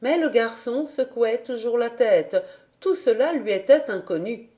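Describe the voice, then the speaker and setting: Higher-voiced woman reading a storybook. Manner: expressive, measured reading. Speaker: audiobook reader. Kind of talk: storybook narration.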